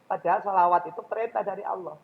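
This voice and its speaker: High-voiced Javanese man lecturing. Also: fairly even intonation, fast, vocal fry, narrow, tinny audio. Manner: questions the audience directly. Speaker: public speaking trainer. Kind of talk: lecture to a mosque audience. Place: mosque.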